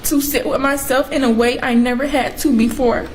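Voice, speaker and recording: A woman's voice: sits high, steady tone, moderate pace. A teenage or young adult woman giving a sobbing, tearful apology as a defendant's statement in court. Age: teens to young adult. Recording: noisy courtroom audio.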